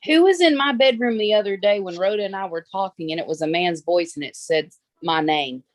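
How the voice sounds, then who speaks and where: A woman's voice: mid-range voice, brisk, dry recording. A woman taking part in a live paranormal session, talking in casual conversation. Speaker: participant in a live spirit box session. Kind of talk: casual chat.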